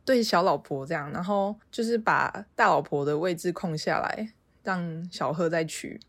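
A woman's voice: on the low side, moderate pace, dry recording. A woman with a Taiwanese Mandarin accent hosting a podcast, casually retelling a story in a chatty way with many filler particles. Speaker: podcast host.

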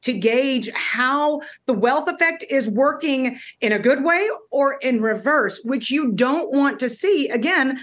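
A woman economist giving analytical, measured commentary as a guest on a TV news show. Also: high voice, expressive, a bit bright. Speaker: economist and research CEO.

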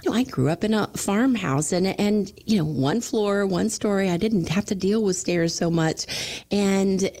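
Chatty, mellow-voiced middle-aged woman. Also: medium pitch. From Florida. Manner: chatty, laughing, quick asides with restarts. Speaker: financial advisor and show regular. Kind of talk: casual radio talk.

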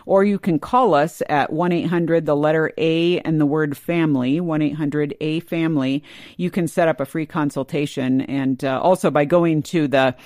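A man hosts a casual podcast conversation. His voice sits a little high for a man, and he talks loosely, with fillers and quick murmurs of agreement. The sound is close and dry. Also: dry recording. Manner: relaxed, full of fillers and frequent listening murmurs. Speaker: podcast host. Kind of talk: casual interview chat.

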